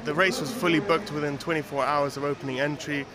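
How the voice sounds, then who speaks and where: A man's voice: on the high side, steady tone, quick pace, crowd noise. A man organising an event, answering interview questions in a big hall, hesitant with many fillers. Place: large indoor event hall. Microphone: handheld mic.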